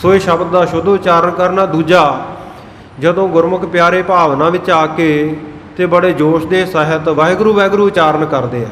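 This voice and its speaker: A man giving a sermon on scripture pronunciation, who chants lines slowly and then explains them. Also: a little high, a bit bright. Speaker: Sikh preacher (giani). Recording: echoey hall with faint noise.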